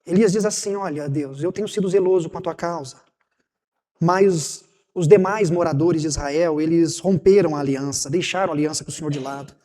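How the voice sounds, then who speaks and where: High-voiced pastor preaching in a reverberant church. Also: male voice, fairly quick, warm tone. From Brazil. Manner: conversational preaching, rhetorical questions, acts out God's and Elijah's words. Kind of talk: sermon. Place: church sanctuary.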